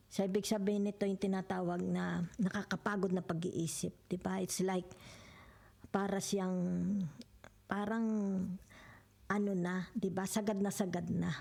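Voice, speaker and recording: A woman's voice: lowish voice, gravelly, darkish tone. A woman giving a casual tarot reading, mixing English into her talk, often asking "di ba?" and sometimes slipping into a whisper. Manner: chatty, mixes English into Tagalog, keeps checking "di ba?"; drops into whispers at times. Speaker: tarot reader.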